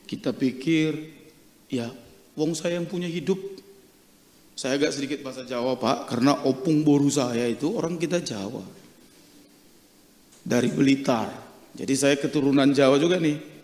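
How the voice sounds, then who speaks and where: A man's voice: medium pitch, normal speed, long pauses. Middle-aged guy preaching, storytelling, lots of hallelujahs, big echoey church room. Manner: lively, jokey, peppered with hallelujahs. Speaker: pastor. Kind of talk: sermon with personal storytelling. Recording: reverberant church hall.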